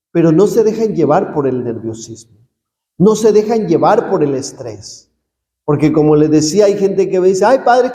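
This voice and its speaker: A man's voice: high-pitched, dark tone. A man, a priest, giving a conversational sermon full of rhetorical questions. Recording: echoey hall, long reverb.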